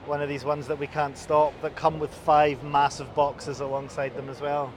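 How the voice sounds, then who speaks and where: A Highland Scottish man with a slightly high voice talks as a local guide in an interview, explaining things with some hesitation. He is recorded outdoors, with some traffic noise behind him. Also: little pitch movement, normal speed. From Inverness, Scottish Highlands. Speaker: local councillor being interviewed. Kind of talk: conversational guided commentary while out cycling. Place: outdoors on a busy city street. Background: traffic and street noise.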